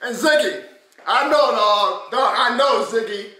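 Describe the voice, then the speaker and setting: A man in his thirties hosting a casual sports reaction video in his living room, ranting and swearing with animated energy. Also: very high voice, a little slow, reverberant, noisy background. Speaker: host.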